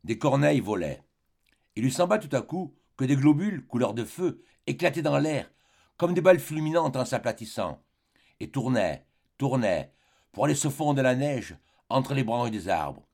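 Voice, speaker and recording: Male audiobook narrator, mid pitch, measured and dramatic phrasing. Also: sing-song, creaky, a little mellow. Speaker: audiobook reader.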